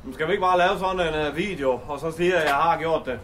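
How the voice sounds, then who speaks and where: A man's voice: a little high, a bit bright, a little hiss or hum. A man playing an indignant local candidate who keeps swearing, in a comedy sketch. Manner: blustering, indignant, swears a lot. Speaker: comic candidate character.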